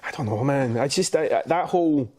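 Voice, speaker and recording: A man's voice: mid-range voice, lively intonation, fairly quick, darkish tone. A Scottish man co-hosting a podcast, telling sweary, rambling stories in casual chat with lots of restarts. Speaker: podcast co-host.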